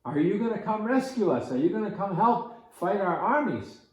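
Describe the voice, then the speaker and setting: A man's voice: high-pitched, very animated, moderate pace, very echoey, pitched above the performer's own voice, poor audio. A man voicing an old male hermit, pleading urgently for help in a storybook tale.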